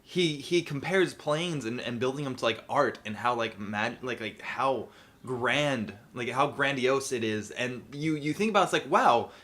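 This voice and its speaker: Bright-voiced young man co-hosting. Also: mid-range voice, animated, normal speed. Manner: rambling, many fillers and restarts; laughs often. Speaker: podcast co-host. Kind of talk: casual chat.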